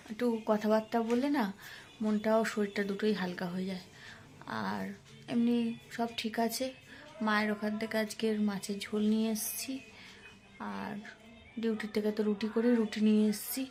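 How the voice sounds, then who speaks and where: A young woman chatting casually to her viewers in a daily vlog, often saying "so come, friends". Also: medium pitch. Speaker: vlogger.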